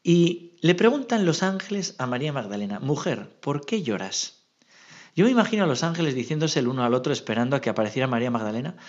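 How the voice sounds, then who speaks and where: A man's voice: mid-range voice, racing, few pauses, dull audio. A parish priest with a Spanish accent from Spain gives a homily full of anecdotes, constantly tagging his phrases with a questioning "¿no?". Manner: lively storyteller, adds "¿no?" after nearly every phrase.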